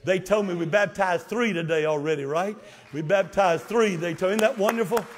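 A pastor preaching a Pentecostal sermon, swinging from shouts to low murmurs, with sarcastic asides, in a large church. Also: male voice, brisk, a little hiss or hum. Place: large church sanctuary with balcony.

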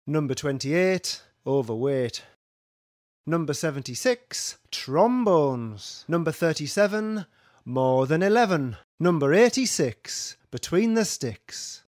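Slow, lively male bingo caller. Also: fairly high pitch, dry recording, clean studio sound. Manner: sing-song, measured announcing. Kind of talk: scripted bingo calling, numbers with rhyming nicknames.

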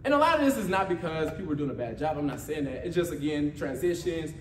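With fairly high pitch, lively inflection and a quick pace, an American church leader urges his listeners on in a casual motivational sermon. He keeps repeating phrases and seeking agreement from a congregation that answers back, and the echoey meeting room is heard from far away with a little noise.

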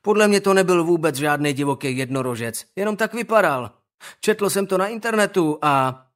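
A man's voice: high voice, lively intonation, fairly bright tone, voice pushed up. A man voicing a mocking, bullying teenage boy in an audiobook, taunting and sneering. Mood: scoffing.

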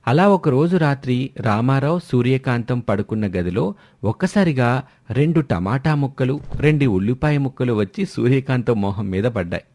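A man narrating a cartoon story in a lively storytelling manner. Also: medium pitch, moderate pace.

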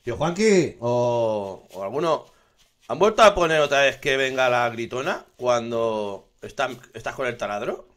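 A man with a Spain Spanish accent giving live gameplay commentary, excitable, swearing constantly and laughing often. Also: medium pitch, a little slow. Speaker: gaming streamer.

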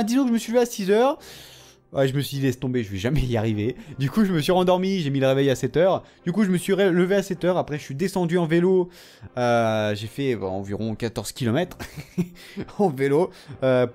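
A tired man casually commenting on his own game, excitable and talking to himself and his opponent. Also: mid-range voice, a little fast. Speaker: gaming video host.

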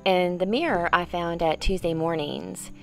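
A woman's voice: on the low side, normal speed, soft background music. Middle-aged woman presenting a room makeover. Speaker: home decor vlogger, host. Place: bedroom, indoors, for the on-camera part.

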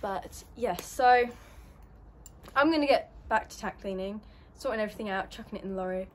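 Speaking at a moderate pace in a medium pitch, a young woman records a casual, upbeat and rambling equestrian vlog. She holds her phone at arm's length at the stable yard, both outdoors and inside a horse lorry.

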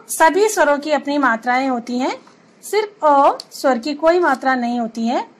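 A woman teacher giving an online grammar lesson to children, slowly listing examples word by word. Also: high-pitched, rough recording. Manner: slow, clear, listing examples one by one.

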